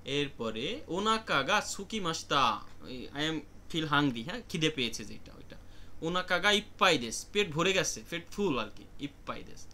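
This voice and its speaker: A man's voice: a little high, big pitch swings, moderate pace, bright, forceful tone, slight background noise. A man with a Bangladeshi accent teaching Japanese vocabulary in an online class, explaining each word and calling on students.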